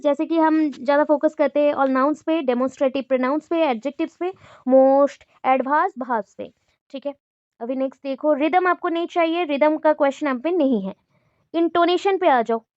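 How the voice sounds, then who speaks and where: A woman teaches an exam-prep lesson in a high voice. She reads example sentences aloud and explains each one. The sound is dry and a little dull. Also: a little mellow, no room sound.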